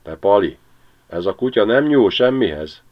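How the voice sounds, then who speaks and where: A man doing a calm, reasoning young man. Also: fairly low pitch, close to an everyday voice. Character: calm sensible young man, dog's defender. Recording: slightly dull lo-fi recording.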